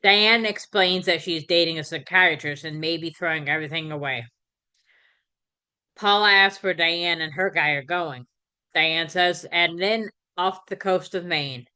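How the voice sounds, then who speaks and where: A woman with a low-pitched but bright, crisp voice talks through a recap in a relaxed, conversational way. She stumbles and corrects herself now and then, with plenty of fillers. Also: unhurried. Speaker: podcast host. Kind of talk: casual episode recap.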